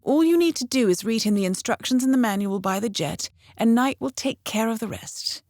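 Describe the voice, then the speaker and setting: In a video game, a woman plays a mission handler, a composed female intelligence officer who briefs an assassin coolly and formally, with wry humor. Her natural voice is fairly high yet darkish in tone, animated and a little fast, with no echo.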